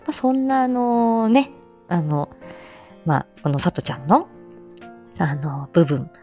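Soft background music accompanies a woman with a fairly low voice as she hosts a relaxed solo live stream, speaking slowly. She is hesitant and self-deprecating, often struggling to find the right word. The audio is dull.

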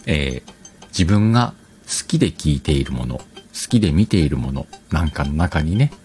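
Hosting a casual online radio show, a man with a lowish, darkish voice chats colloquially and talks straight to his listeners. He speaks alone, offering advice to streamers.

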